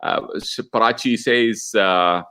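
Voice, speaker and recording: A man in his fifties with a Malayali accent from India, hosting a casual live chat in a halting, jokey way. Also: on the low side, pushed and bright, smooth. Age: 50s. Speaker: webinar host reading viewer comments.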